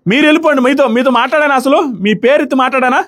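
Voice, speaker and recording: A man voicing a sharp-tongued young woman housemate who fires back quick, mocking questions in a reality show quarrel. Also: sits high, fairly even intonation, voice pushed up, lightly acted. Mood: defiant retort.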